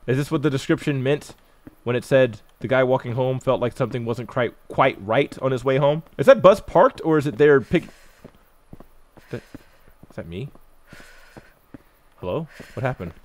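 A man hosting a horror game let's-play, talking to the game and swinging between hushed and loud reactions. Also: mid-range voice, lively intonation, normal speed, no echo. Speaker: gaming video host.

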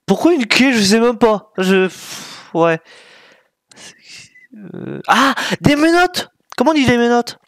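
A man's voice: high voice, no echo, clean studio sound. A man giving casual gameplay commentary, thinking aloud while he plays and mocking himself with frequent apologies. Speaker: gaming YouTuber.

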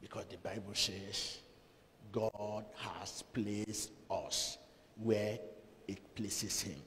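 Slow, emphatic preaching man in a big hall. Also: fairly low pitch, fairly even intonation, a bit bright. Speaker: pastor. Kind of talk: sermon. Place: large church hall with a seated congregation. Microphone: handheld microphone. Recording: long hall reverb, faint room noise.

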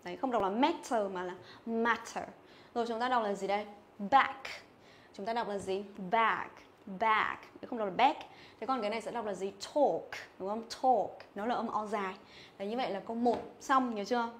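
A woman's voice: mid-range voice, steady tone, rapid-fire, slight background noise. A young woman giving a livestream English pronunciation lesson, repeating words over and over and checking that students remember. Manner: drills words by repeating them, checks in with "nhớ chưa?". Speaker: English teacher. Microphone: phone or webcam mic on a livestream.

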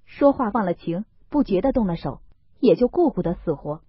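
A woman's voice: mid-range voice, animated, moderate pace, husky, no echo. A woman voicing an earnest, doting young nobleman from a classic novel, pleading and coaxing. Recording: dull, lo-fi, dry recording.

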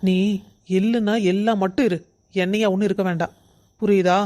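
A man voicing a gruff office boss in an animated story, threatening and sarcastic with his staff. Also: high-pitched, fairly quick, natural voice. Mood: scolding.

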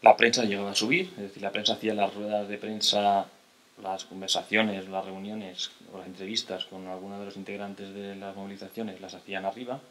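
Low flat-voiced man lecturing. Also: brisk, slight background noise, low-quality recording. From Spain. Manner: hesitant, many restarts and tag questions. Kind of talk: lecture to an audience. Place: lecture hall, seated at a table. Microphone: table mic on a stand.

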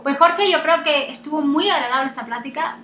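A woman hosting a casual interview over a video call, chatty and animated, laughing often. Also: high-pitched, brisk, reverberant, a little hiss or hum. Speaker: host.

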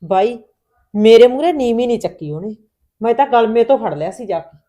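An actress in a family drama, talking earnestly, reassuring at times and heated at others. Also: female voice, fairly high pitch, lively intonation, brisk, mellow, natural voice. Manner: earnest, reassuring, turns heated when angry. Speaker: Binder, sister-in-law in the household. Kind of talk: Punjabi family drama acting.

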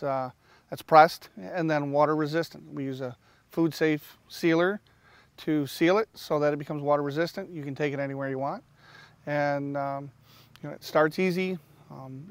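A middle-aged man explains his product in a relaxed interview, with fillers and restarts. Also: a little high, dry recording. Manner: easygoing, many fillers and restarts. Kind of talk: on-camera interview. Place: outdoors by a lake.

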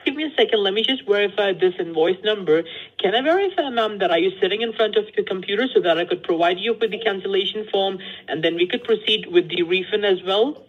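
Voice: medium pitch, quick pace, breathy edge. A phone agent giving tech support instructions in an insistent, repetitive, formally polite way. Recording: dull lo-fi phone call.

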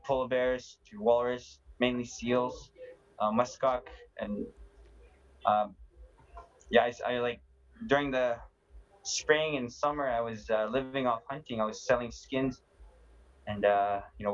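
A young man giving casual, halting answers in an interview. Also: mid-range voice. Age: young adult. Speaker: interview guest, hunter. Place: large busy indoor meeting hall. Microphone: video call. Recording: muffled video call sound.

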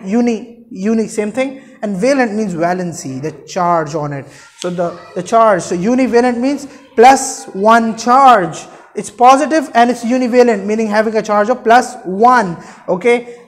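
A man in his twenties with a Pakistani accent lectures at a whiteboard, explaining emphatically and repeating key terms. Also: high voice. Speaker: chemistry teacher. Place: indoor room at a whiteboard. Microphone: lapel mic.

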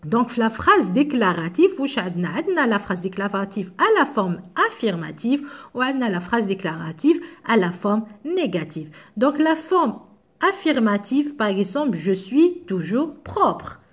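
A woman with an Algerian accent teaches French grammar to middle-school students, explaining step by step with examples and switching into Arabic to clarify. Her voice is a little high and sing-song, at a normal speed.

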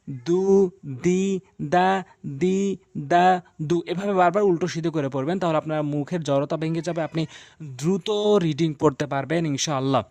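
A man teaching Quran reading in a video lesson, drilling syllables slowly and repeating sounds. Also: on the high side, darkish tone, no echo.

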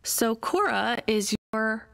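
Skeptical young courier woman, higher-pitched. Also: expressive, slow pace, gravelly, fairly bright tone, heavily acted. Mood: skeptical, matter-of-fact. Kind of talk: video game voice acting.

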